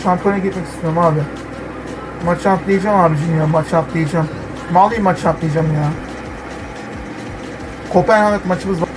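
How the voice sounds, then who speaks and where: A young man playing a football video game, commenting live and swinging from muttering to yelling at the players. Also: high voice, steady tone, moderate pace, long pauses, noisy background. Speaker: gamer.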